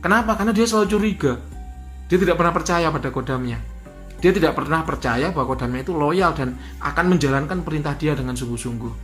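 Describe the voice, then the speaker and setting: A man's voice: on the high side, quick pace, fairly bright tone, faint music behind. A man giving an instructional talk as a spiritual teacher, repeating key points and asking rhetorical questions.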